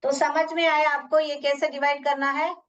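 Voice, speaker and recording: A woman teacher explaining syllable division step by step, sounding words out slowly and mixing in English teaching phrases. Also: high-pitched, little pitch movement. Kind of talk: phonics lesson to parents or teachers. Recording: muffled, distant from the mic.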